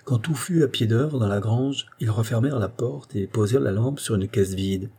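A male narrator reads a novel aloud in a steady, expressive way. His voice sits low and sounds mellow and dark, with a husky grain. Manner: measured, expressive storytelling. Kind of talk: scripted audiobook narration.

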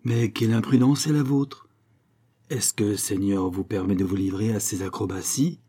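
A man's voice: on the low side, fairly even intonation, normal speed, warm tone, husky. A man doing a fretful country priest. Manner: worried, fussing. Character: fretful male country priest, cautious and fussy.

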